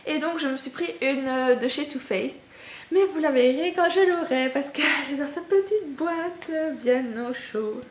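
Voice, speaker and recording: A young woman with a Belgian French accent chats through a beauty haul, gushing and poking fun at herself between fillers. Her voice sits a bit high. The room is echoey, with a faint hum of ambience behind her. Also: moderate pace. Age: young adult. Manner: chatty and gushing, with frequent fillers and self-mocking laughs. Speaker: beauty vlogger. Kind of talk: casual haul video chat.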